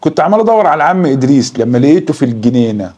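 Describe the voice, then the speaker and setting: Man telling a dark horror tale. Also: mid-range voice, sing-song, highs cut off. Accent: Egyptian Arabic. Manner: slow, dramatic storytelling. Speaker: storyteller. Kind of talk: horror story narration.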